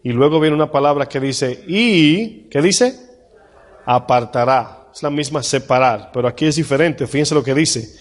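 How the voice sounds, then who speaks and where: Male pastor mid-sermon, reads verses slowly with weight; church hall reverb. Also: mid-range voice, fairly even intonation. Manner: asks the congregation questions, reads scripture slowly.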